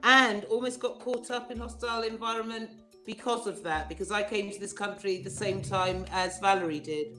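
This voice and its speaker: A woman born in Nigeria, an actress, speaking in a relaxed, personal way in an interview. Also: medium pitch, normal speed, faint music behind. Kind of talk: interview conversation.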